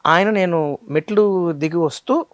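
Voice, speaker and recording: A man's voice: fairly high pitch, unhurried, dry recording. A man in his thirties, an actor as an interview guest, telling stories animatedly and mixing English phrases into his talk. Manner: animated, acts out quoted lines. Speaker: actor guest recalling childhood films. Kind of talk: casual interview storytelling.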